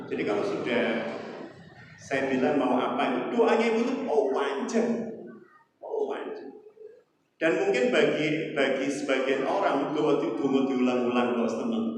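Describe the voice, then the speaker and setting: A middle-aged man with a Javanese accent, preaching a sermon in a lively storytelling way, with some humor. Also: sits high, slight background noise. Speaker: Islamic preacher. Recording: echoey hall, voice from far off.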